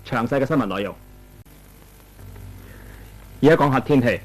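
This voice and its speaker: Cantonese newsreader on old VHS tape. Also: male voice, mid-range voice, low-quality recording. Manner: steady, measured broadcast delivery. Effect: old VHS tape recording. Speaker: news anchor. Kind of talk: formal news and weather reading.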